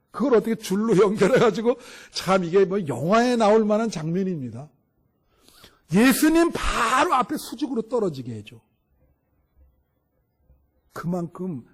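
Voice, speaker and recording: A middle-aged male pastor preaching a sermon, asking the congregation questions, acting out the people in the story and dropping to hushed prayers. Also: high-pitched, breathy edge. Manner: preaching with sharp swings from loud exclamations to hushed murmured prayers.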